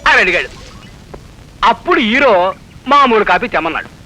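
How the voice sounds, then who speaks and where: An actor playing a man who tells a comic tale in a slow, drawn-out listing voice, in film dialogue. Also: very high voice, very animated, bright, forceful tone, a little hiss or hum, exaggerated voice, rough recording. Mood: drawling. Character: man telling a long comic tale with a server's lists. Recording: film soundtrack with music.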